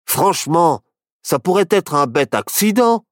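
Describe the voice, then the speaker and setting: A man's voice: a little high, sing-song, a little slow, no echo, studio quality, voice pushed up. A man voicing a level-headed young man who doubts and protests, in a storybook reading. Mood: skeptical. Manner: reasoning, protesting.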